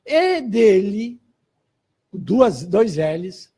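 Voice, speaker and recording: A man's voice: high-pitched, very animated, drawn-out words, dark tone, breathy edge. A man with a Brazilian Portuguese accent giving a live lecture, explaining step by step and putting questions to his audience. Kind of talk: live lecture on old handwriting.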